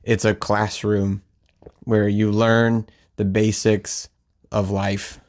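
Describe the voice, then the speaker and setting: Guy hosting a podcast, kinda low voice, chatty and jokey. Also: little pitch movement, slow, a little mellow. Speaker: podcast host. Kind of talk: casual chat.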